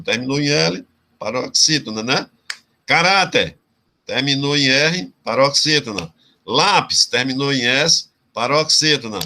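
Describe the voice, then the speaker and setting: Slow, bright-voiced teacher drilling rules. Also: male voice, medium pitch. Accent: Brazilian Portuguese, Ceará. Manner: drawn-out explanations with frequent "tá certo?" check-ins. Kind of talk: online exam-prep lesson.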